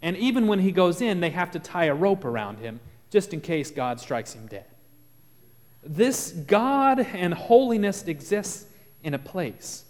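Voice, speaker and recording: Texan pastor preaching in a reverberant church. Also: male voice, high-pitched, sing-song, darkish tone. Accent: Texas. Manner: earnest, explanatory, with dramatic pauses and shifts in volume. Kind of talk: sermon. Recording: long reverb of a large room.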